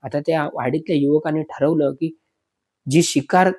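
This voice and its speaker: A man tells a horror tale in a mellow, soft-edged voice pitched a little high. He keeps calling his listeners friends and stretches out pauses and fillers to build the suspense. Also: steady tone. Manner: dramatic, addresses listeners as friends. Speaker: horror storyteller. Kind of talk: spoken horror story narration.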